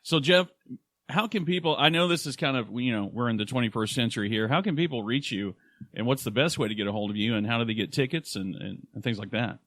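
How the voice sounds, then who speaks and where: A man's voice: medium pitch, fast, fairly bright tone, no room sound, clean studio sound. A man from Oklahoma hosting a podcast, talking in a casual, playful and rambling way. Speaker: podcast host. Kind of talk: casual chat.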